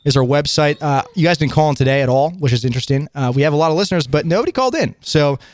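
Quick upbeat guy hosting radio, slightly high voice, dry mic. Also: animated, no room sound. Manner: quick, upbeat, filler-heavy. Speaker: radio show host. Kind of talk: casual radio chat. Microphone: studio mic.

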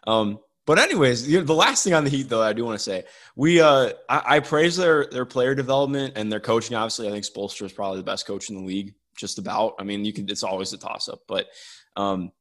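A man's voice: on the low side, fast, a bit bright. Rambling Midwestern man, sports podcast. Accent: Midwestern American. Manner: rambling, self-interrupting, chuckling asides. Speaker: podcast co-host. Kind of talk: casual sports podcast chat.

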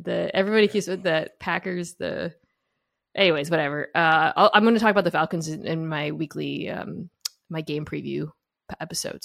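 A woman's voice: on the low side, creaky, no room sound, studio quality. A woman hosting a casual sports podcast in a playful, conversational manner.

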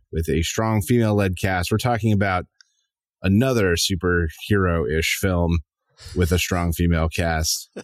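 Man, lowish pitch, informal playful podcast chat, dry close recording. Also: dry recording. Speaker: podcast host. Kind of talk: casual chat.

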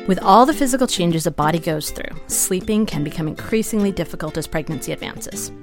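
Brief: woman, reassuring scripted intro, lowish voice, music bed. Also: expressive, brisk. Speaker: massage therapist, guest.

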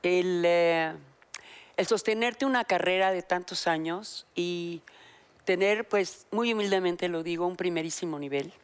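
A woman's voice: lowish voice, unhurried, clear, resonant tone. An older woman with a Mexican accent, a talk show guest chatting casually and acting out the voices in her stories. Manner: animated storyteller acting out quoted dialogue.

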